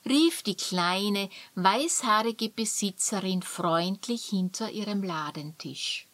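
A woman calmly reading a children's story aloud. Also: medium pitch, slow, dry recording. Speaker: narrator.

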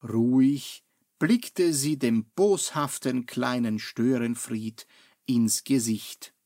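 A man narrating a children's story in a calm, unhurried way. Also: mid-range voice, no room sound, clean studio sound.

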